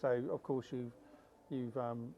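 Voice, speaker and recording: A man's voice: medium pitch, steady tone, takes it slowly, mellow, highs cut off, a little hiss or hum. A man interviewing a filmmaker at a film festival, chatty and jokey, often rephrasing his questions mid-sentence.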